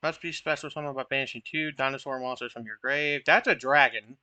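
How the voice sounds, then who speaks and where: A man's voice: medium pitch, fairly even intonation, a little fast, pushed and bright, no echo. A young man giving casual, chatty commentary over his own card game matches, joking at his own misplays. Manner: chatty, self-deprecating, occasional swearing.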